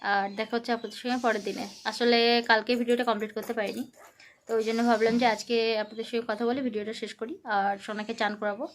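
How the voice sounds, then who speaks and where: Young mom vlogging at home, chatty and rambly, kinda high voice, bit of faint hiss behind. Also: female voice, little pitch movement, fast. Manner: chatty, rambling with fillers, coaxing when quizzing the child. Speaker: vlogger and mother. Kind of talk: casual home vlog chat.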